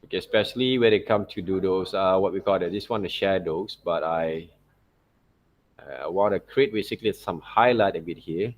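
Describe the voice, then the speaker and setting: In a casual software demo, a man teaches digital illustration, thinking out loud and checking in often with "okay" and "right." His voice sits low and moves at a normal speed.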